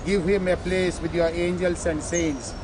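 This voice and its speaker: A man reciting solemn graveside funeral prayers as a priest, in a measured, formal way. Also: high voice, flat delivery. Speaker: priest leading funeral rites. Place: outdoors at a cemetery. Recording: noisy outdoor ambience with traffic.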